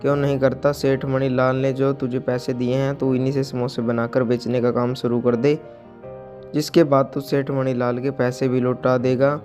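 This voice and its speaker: A man voicing a gentle, caring old widowed mother who speaks soothingly. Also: medium pitch, level tone, normal speed, faint music behind, close to an everyday voice. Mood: tender. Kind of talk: storybook character voice.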